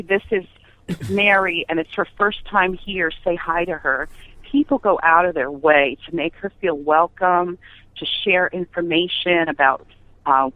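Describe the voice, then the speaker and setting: A middle-aged woman with a fairly low voice, a business founder appearing as a podcast guest, tells anecdotes emphatically and throws in rhetorical questions during a conversational interview. There's no room sound, and the audio is tinny, like a phone line.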